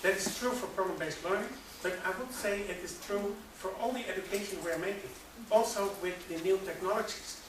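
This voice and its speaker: A speaker at a conference, talking in a deliberate, measured way. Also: medium pitch. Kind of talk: conference talk. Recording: very echoey hall, far from mic, noisy.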